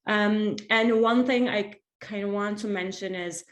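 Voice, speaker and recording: A woman's voice: medium pitch, steady tone, a little slow. A woman co-hosting an online event with an informal introduction, hesitant and often rephrasing herself. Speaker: research center representative, event co-host. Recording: roomy, echoing video call audio.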